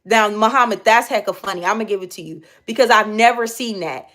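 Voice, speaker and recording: A woman's voice: medium pitch, fairly quick, fairly bright tone. Chatty Bay woman live-streaming. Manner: chatty, slangy, talks straight to viewers. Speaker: livestream host. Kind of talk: casual live-stream chat reading comments.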